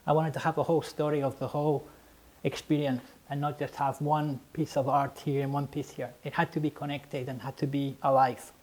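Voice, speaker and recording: A middle-aged man with a Scottish accent and slightly slurred, toothless articulation, speaking reflectively and haltingly in an interview, often repeating phrases. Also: mid-range voice, level tone, a little mellow, rough recording. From Edinburgh, Scotland. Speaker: interviewee, English teacher.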